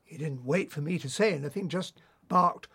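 An actor playing a wounded, distrustful man who questions his partner in a measured, accusing way. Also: fairly high pitch, sharp tone, slightly rough, no room sound, heavily acted. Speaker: actor in a radio drama. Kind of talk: radio drama acting.

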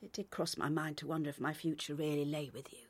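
A remorseful woman in a radio drama, her voice soft and hesitant, at times falling to a near whisper. She pleads with quiet sincerity. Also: mid-range voice, expressive, normal speed. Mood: confessional. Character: remorseful woman confessing to her wounded partner.

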